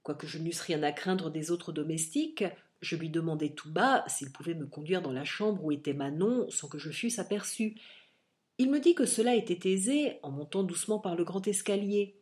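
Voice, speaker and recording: A woman narrating a classic novel as an audiobook reader, in an expressive, literary reading style. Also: fairly low pitch, normal speed.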